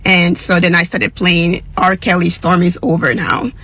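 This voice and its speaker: A young woman giving an emotional, earnest personal testimony, with a husky voice. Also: fairly low pitch, flat delivery, normal speed, a bit bright, low-quality recording. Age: young adult. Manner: emotional, earnest, with sung passages. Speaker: storyteller.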